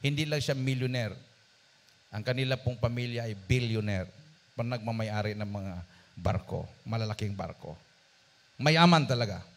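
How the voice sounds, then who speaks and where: A male preacher telling a story in a sermon, addressing his congregation directly and swinging between loud emphasis and quiet asides. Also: on the low side, lively intonation, moderate pace, long pauses. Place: church service.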